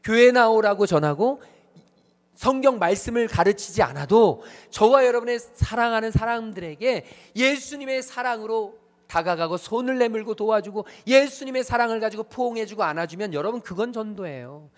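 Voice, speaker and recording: A man's voice: sits high, lively intonation, normal speed. A man preaching a sermon as pastor, emphatic, repeating phrases and speaking straight to the congregation.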